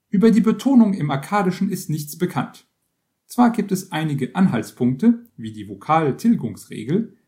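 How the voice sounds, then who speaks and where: A man reading an encyclopedia-style text aloud as scripted narration, in a measured, list-like way. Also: fairly high pitch, dark tone. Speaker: reader.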